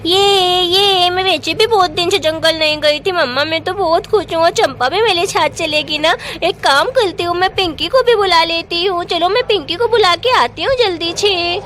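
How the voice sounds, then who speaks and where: A woman voicing an excited, chatty little village girl in a doll story. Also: very high-pitched, normal speed, hardly any pauses, a little hiss or hum. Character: lively little village girl, eager and bossy.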